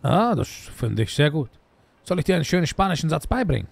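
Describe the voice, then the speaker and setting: A man's voice: fairly high pitch, very animated, fairly quick, vocal fry, slight background noise. A young man playing a joking roleplay character in a video game, tossing Spanish words into his talk.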